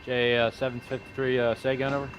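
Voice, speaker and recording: A man's voice: mid-range voice, little pitch movement, fast talker. A man acting as a train dispatcher, giving clipped railroad radio calls as if over a radio and signing off with "over" and "out". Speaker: train dispatcher in a multiplayer train game.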